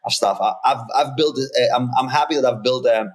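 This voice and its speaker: In a casual interview, a founder in his thirties who originally comes from Greece talks a little fast in a mid-range voice. His delivery is emphatic and earnest, with many restarted sentences.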